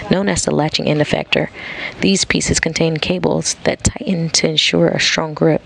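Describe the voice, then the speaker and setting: Gravelly higher-pitched male commentator. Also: fairly bright tone, a little hiss or hum, low-quality recording. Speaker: mission commentator. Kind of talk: live event commentary.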